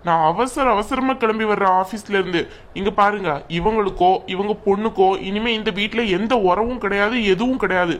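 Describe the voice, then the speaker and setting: A woman's voice: mid-range voice, moderate pace, close to an everyday voice. A woman playing a stubborn angry young husband. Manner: curt, commanding.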